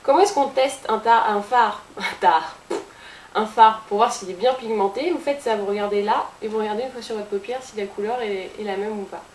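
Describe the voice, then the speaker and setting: Here a woman with a medium-pitched voice moves briskly through a makeup tutorial as a beauty vlogger. Her manner is loose and playful, full of chatter, jokes and sound effects, and the room echoes with a faint hiss underneath.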